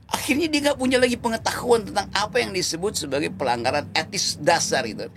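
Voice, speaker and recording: Talking fast in a high-pitched, gravelly voice with a bit of brightness, a man plays the part of a political commentator being interviewed. He's sarcastic and mocking, laughs mid-sentence, and stumbles over repeated words as he corrects himself, with slight background noise behind him.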